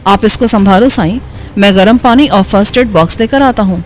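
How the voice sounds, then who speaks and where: A woman's voice: medium pitch, close to an everyday voice. A woman voicing a loyal, respectful male servant in an audiobook, addressing his master politely. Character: loyal male servant with first-aid training.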